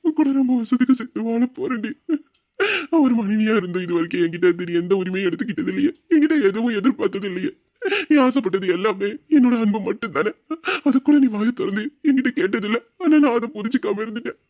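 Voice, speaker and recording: A man's voice: sits high, fast, a little mellow, lo-fi sound. A man playing a remorseful husband who sobs and pleads with his devoted wife in an audio drama, his voice breaking between laughter and tears. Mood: sobbing.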